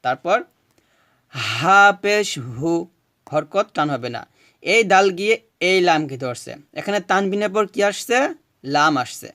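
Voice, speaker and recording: A man teaching Quran recitation, chanting verses slowly and explaining each rule patiently, asking questions and answering them himself. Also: high-pitched, animated, fairly bright tone, no echo, studio quality. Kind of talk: recitation lesson.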